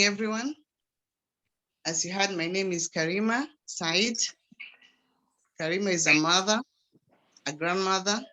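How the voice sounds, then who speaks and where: Older Kenyan woman, grandmother, guest testimony on a video call, bright forward voice, chatty with restarts. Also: mid-range voice. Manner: conversational, with frequent restarts. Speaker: guest speaker.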